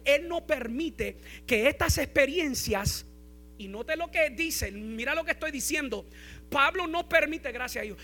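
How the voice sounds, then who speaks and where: A man's voice: extremely high pitch, sharp tone. A male pastor preaching a sermon, repeating key phrases and building in intensity.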